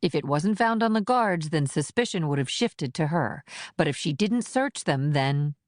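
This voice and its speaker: A woman's voice: sits low, expressive, moderate pace, no room sound, studio quality. A woman voicing a tough, blunt female federal agent in an audiobook, with clipped, defensive delivery. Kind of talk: audiobook character reading.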